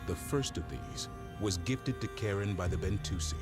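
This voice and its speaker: A man performing solemn, measured narration as a grave storyteller of an epic space saga in a video game. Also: sits low, lightly acted. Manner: measured, portentous. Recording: loud music under the voice. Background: loud music.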